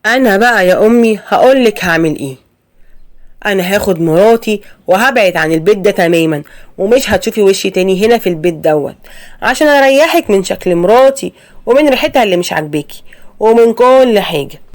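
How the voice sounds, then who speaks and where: A protective young husband from an animated Egyptian story, as a woman narrator plays him. He speaks firmly and quickly with an Egyptian accent, worn out with his mother. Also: medium pitch, lightly acted. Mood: exasperated. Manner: firm, exasperated.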